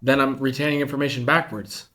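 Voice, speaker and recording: A man's voice: medium pitch, steady tone, fast, pushed and bright. A man co-hosting a casual ministry podcast, playful and full of "dude" and "bro", making jokey arguments. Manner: playful, says "bro" and "dude", argues jokingly. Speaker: student ministry podcast co-host. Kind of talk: casual chat.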